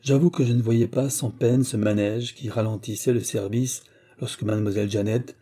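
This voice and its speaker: A man narrating memoirs as an audiobook, in a measured storytelling delivery. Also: medium pitch, dark tone, husky.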